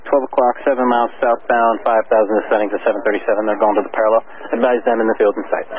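A man's voice: on the low side, flat delivery, very fast. A man working as an approach air traffic controller, giving clipped instructions over an aircraft radio with static. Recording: narrow radio band with faint static.

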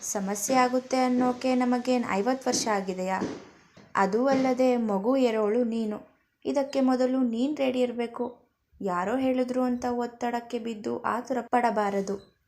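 A woman's voice: fairly high pitch, steady tone, measured pace, darkish tone, a little hiss or hum. A woman voicing a playful young newlywed husband who teases and coaxes his wife, in a storybook reading. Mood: reasoning. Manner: teasing, coaxing.

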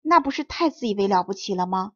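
A woman voicing a mild, gently teasing young man who plays guitar. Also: medium pitch, animated, fast talker, no room sound, dull audio. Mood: gentle.

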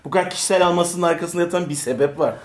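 A man's voice: high-pitched, racing. A man co-hosting a show, teasing his friends and laughing often in casual banter. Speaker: co-host. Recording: echoey room with faint noise.

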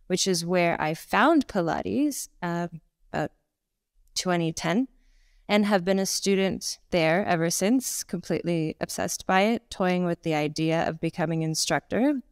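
Speaking unhurriedly in a lowish, smooth voice, a Pilates instructor in her thirties with a Canadian accent guests on a casual video-call interview from her home. Her manner is chatty, with lively hand gestures and frequent fillers, and the audio is clean, studio-quality and echo-free.

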